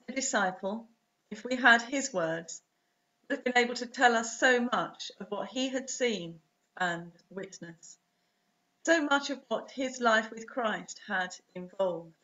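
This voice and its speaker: An Anglican priest in her forties reads a scripted sermon to camera in measured, deliberate short phrases, her medium-pitched voice bright and forceful. She records indoors in a small room at home on a webcam or laptop at desk distance, and the audio sounds dull and muffled.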